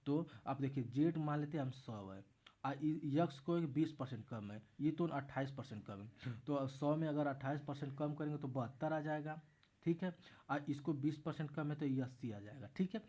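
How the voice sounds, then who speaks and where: A man's voice: a little high, moderate pace, dark tone. A man tutoring math in a casual exam-prep lesson, walking through each step and repeating himself as he explains.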